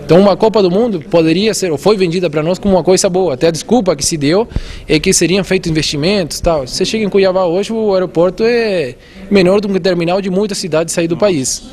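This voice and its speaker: Speaking fast in a high, darkish voice, an Argentine-raised man represents a civic watchdog as an interview guest. He earnestly explains civic oversight, often restarting sentences and leaning on fillers.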